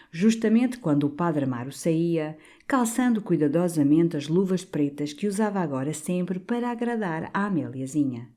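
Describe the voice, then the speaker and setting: A woman narrating a classic novel in a measured, dramatic reading. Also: sits low, warm tone. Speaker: audiobook narrator. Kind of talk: scripted narration.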